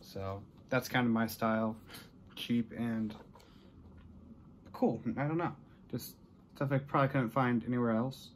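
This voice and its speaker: A young adult American man chats to camera unscripted and casually about a collection haul, rambling from a small bedroom indoors. His mid-range voice has fairly even intonation and a measured pace with long pauses, and a little hiss or hum is audible.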